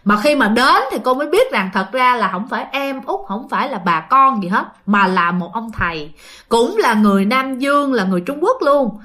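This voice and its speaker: A woman's voice: a little high, animated, moderate pace, bright, forceful tone. A woman narrating a ghost story in a chatty way, often turning to her listeners. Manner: chatty, addresses listeners directly.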